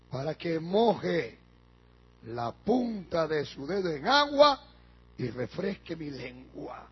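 Pastor putting on a tormented rich man, loud drawn-out desperate pleas, raspy, dull lo-fi recording. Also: high-pitched, pitched below the performer's own voice, heavily acted. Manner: desperate shouted pleading, slow and drawn out. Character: rich man in hell begging for mercy.

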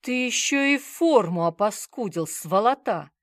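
A gruff, sardonic police investigator, read by a woman for an audiobook. His lines come out blunt and brisk with plenty of lift and swing in the pitch. The sound is close and dry. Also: animated, no echo, lightly acted. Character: gruff middle-aged male police investigator. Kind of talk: audiobook character voice.

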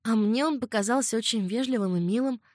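A woman's voice: a little fast, a little mellow, dry recording, studio quality, close to an everyday voice. Timid giggly young maid, read by a woman. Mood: cautious. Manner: cautious, light and high.

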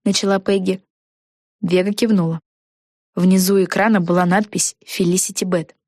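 A woman narrating a children's storybook in an even, clear manner. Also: mid-range voice, normal speed, dry recording, clean studio sound.

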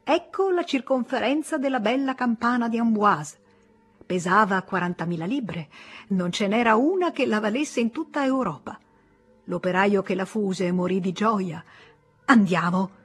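A woman's voice: medium pitch, lively intonation, moderate pace, slightly rough. A woman reading aloud, voicing a pompous, fawning male church guide who lectures visitors in an unctuous tone.

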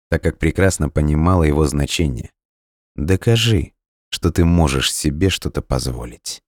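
Very deep-voiced male audiobook narrator. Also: no room sound, clean studio sound. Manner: measured, even storytelling.

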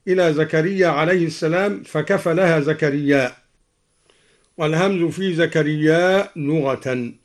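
A man with a somewhat high voice gives a formal lesson from a radio studio. His explanations are measured and careful. Each example is chanted slowly and melodically. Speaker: Quran reading teacher on radio.

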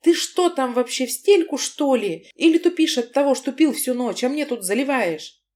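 Audiobook figure: a shrill, reproachful young woman, high and loud, read by a woman narrator. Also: expressive, normal speed.

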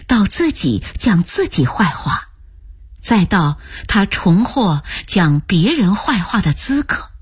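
Woman audiobook narrator, unhurried, husky and airy, lively pitch, close dry recording. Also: dry recording. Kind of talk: scripted novel narration.

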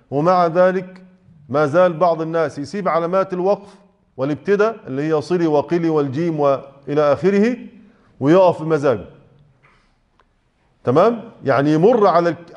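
Egyptian male teacher, high voice, chatty lesson style, keeps asking if the class follows. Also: muffled recording. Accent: Egyptian Arabic. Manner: conversational, checks understanding with rhetorical questions. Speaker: Quran recitation teacher. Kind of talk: explaining a text in class. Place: mosque.

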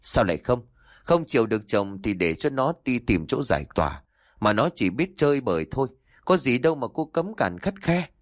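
A man's voice: mid-range voice, sing-song, moderate pace, dry recording, studio quality, close to an everyday voice. A man voicing a cruel, domineering older mother-in-law in an audio story, with a harsh, scolding delivery.

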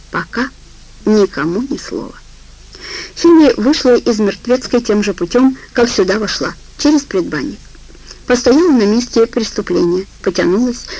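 A woman narrating a detective novel as an audiobook reader, in a steady, measured reading voice. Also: medium pitch, poor audio. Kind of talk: scripted narration.

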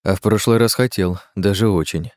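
A man narrating an audiobook in a steady reading voice, raising his pitch for the characters' lines. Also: normal speed, dry recording. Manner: reads steadily, shifts pitch for dialogue.

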